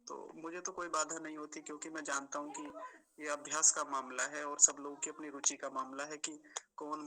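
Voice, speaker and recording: A man with a bright, clear voice teaches pronunciation patiently. He stretches each tricky word out syllable by syllable and repeats it until it is right. Now and then he pauses to cough. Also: fairly high pitch, rough recording. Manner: slow, drawn-out syllable-by-syllable demonstration of words; repeats words while correcting mistakes. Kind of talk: explanatory lesson.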